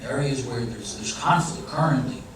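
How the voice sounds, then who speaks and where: His voice sits mid-range with lively intonation and a moderate pace as he gives an informal religious lecture, often quizzing the audience. The speaker is of Iranian descent. Sound comes from a distance in a strongly echoing hall or center.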